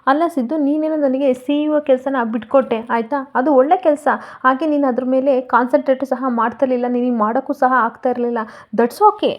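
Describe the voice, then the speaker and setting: A woman voicing an angry, jealous young woman who shouts accusations in a serial recap. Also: high-pitched, steady tone, fairly quick, lo-fi sound, natural voice.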